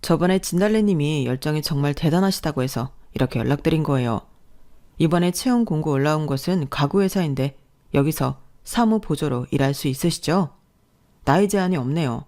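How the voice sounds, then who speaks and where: Narrator as a matter-of-fact woman recruiter, low, mellow voice, story reading. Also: fairly quick. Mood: businesslike.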